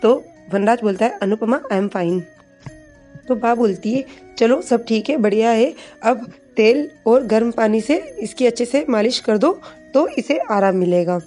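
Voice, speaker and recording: A woman narrating a TV serial episode recap in a casual, unscripted way, with pauses and restarts. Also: on the high side, soft background music. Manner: retells scenes with filler pauses and restarts, reading dialogue flatly.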